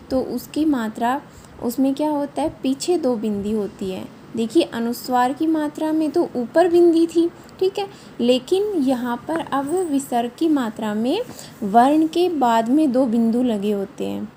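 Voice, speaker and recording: A woman's voice: on the high side, dark tone, slight background noise. A woman teacher giving a patient, step-by-step revision lesson to young children, often checking in with short questions. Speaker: primary school teacher.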